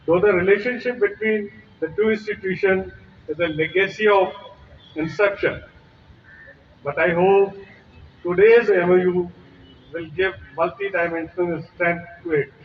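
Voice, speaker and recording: High-voiced man on a thin, tinny line. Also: fairly even intonation, unhurried, recorded from a distance, a little hiss or hum. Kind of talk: formal ceremony speech.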